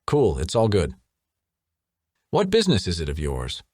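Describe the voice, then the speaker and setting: A man's voice: low-pitched, huge pitch swings, moderate pace, darkish tone, dry recording, studio quality, exaggerated voice. A man voicing a belligerent, drugged-up young troublemaker who sneers and snaps. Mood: sneering. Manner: sneering, hostile.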